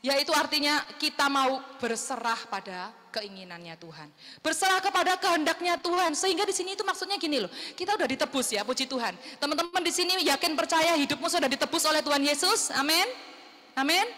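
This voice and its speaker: A woman preaching a lively youth sermon, animated and calling for amens, recorded in a church hall. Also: high-pitched, a little fast. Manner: animated, asks the crowd for amens, mimics youths' questions. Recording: long reverb of a church hall.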